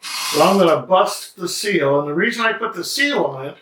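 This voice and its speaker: A man's voice: high-pitched, expressive, fairly bright tone, a little hiss or hum. Man talking in a strong room echo. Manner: halting, chatty, many fillers. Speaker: cigar and drink reviewer. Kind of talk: casual vlog review. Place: indoor study. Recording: echoey room, mic at a distance.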